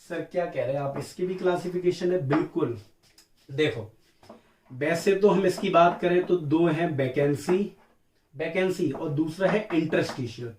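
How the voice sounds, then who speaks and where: Man, chemistry teacher, high voice, asks and answers his own questions, repeats terms, distant mic, echoey room. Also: normal speed, a little mellow, a little hiss or hum. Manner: repeats key terms call-and-response; calls listeners beta and sir. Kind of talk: classroom lecture.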